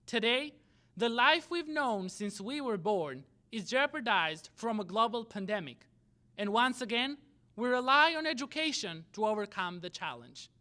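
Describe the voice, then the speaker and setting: Speaking as student body president, a young man with an Albanian accent delivers a prepared graduation speech in measured, deliberate phrases. His voice is very high-pitched, pushed and bright.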